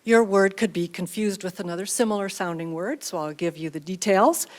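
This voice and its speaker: A woman acting as spelling bee pronouncer, reading out words and definitions in a measured, clearly enunciated way. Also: mid-range voice, darkish tone.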